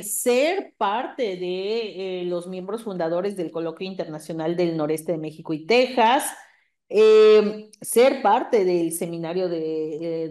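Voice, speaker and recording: Female interviewer, warm-toned mellow voice, courteous, filler-heavy delivery. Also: mid-range voice. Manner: courteous, hesitant with many fillers. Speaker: interviewer host. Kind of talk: formal interview hosting.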